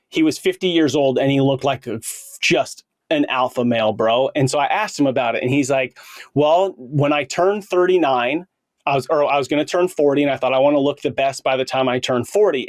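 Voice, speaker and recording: A podcast host in his late thirties talks earnestly and informally in a casual conversational interview, throwing in plenty of bro slang. His voice sits on the high side, with no room sound.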